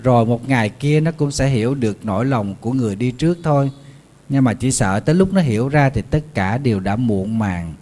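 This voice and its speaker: A man, a Buddhist monk giving a lively sermon and telling folk stories with playful asides. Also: mid-range voice, brisk. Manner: lively, jokey, acts out animal voices in the story.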